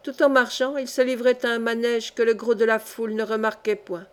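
A woman narrating a historical novel as an audiobook in a clear, even-paced reading. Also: fairly high pitch, a little fast. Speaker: audiobook reader.

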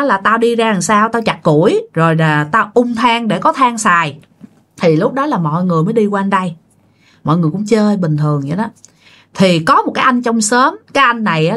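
A woman telling a ghost story casually, chatting directly to her listeners. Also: mid-range voice.

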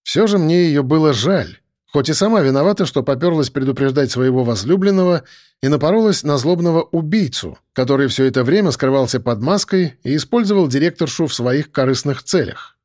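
A man narrating a first-person audiobook in a brisk, wry storytelling manner. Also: on the high side, lively intonation, a little mellow, dry recording, studio quality.

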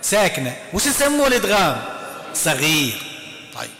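A man's voice: high voice, very animated, moderate pace, sharp tone. A man with an Algerian Arabic accent teaching a class, asking questions and answering them himself, repeating each term. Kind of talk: classroom lesson. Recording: echoey hall reverb.

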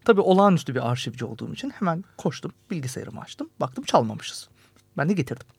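A man hosts a radio music show in a casual, joking way. His voice has a gravelly edge and sits a little high, and the studio sound is dry and close. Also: big pitch swings, fast talker, no echo. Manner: playful, self-mocking banter. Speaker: radio host.

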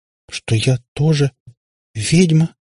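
A man's voice: fairly high pitch, fast talker, dark tone, husky, no echo, pitched above the performer's own voice. Man voicing a timid, frightened little girl. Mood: stammering. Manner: timid, tearful, stammering.

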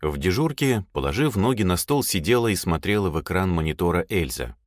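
Male audiobook narrator, low, animated, dry close sound. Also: brisk, no echo. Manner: expressive storytelling.

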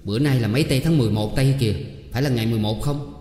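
A man voicing a steady, respected young village man, urgent but reassuring. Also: medium pitch, very fast, natural voice. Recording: echoey reverberant room.

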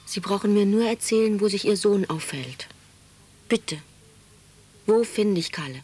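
An actress playing an anxious, pleading, embittered mother in a radio drama, speaking intimately and often hushed. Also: medium pitch, expressive, unhurried, noisy background, natural voice. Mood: urgent, pleading. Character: anxious, pleading, bitter mother of a withdrawn son. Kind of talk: naturalistic German radio drama.

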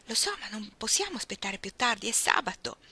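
A woman reading aloud, voicing a gentle, hesitant young woman who answers cautiously. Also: on the high side, sing-song, a little fast, slightly rough, voice pushed up, full character voice. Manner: hesitant, mild questioning.

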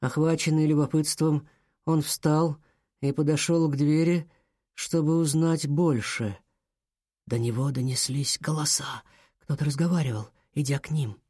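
A man reads a children's adventure story aloud in a measured, storytelling delivery. His voice sits a little high for a man. The recording is close and dry, with no room sound. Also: fairly even intonation, mellow, husky, dry recording. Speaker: narrator. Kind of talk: audiobook narration.

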